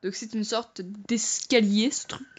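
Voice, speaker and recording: A young woman commenting as she plays a horror game, jokey and frightened, swearing and shouting when startled. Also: mid-range voice, steady tone, a little slow. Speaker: gamer.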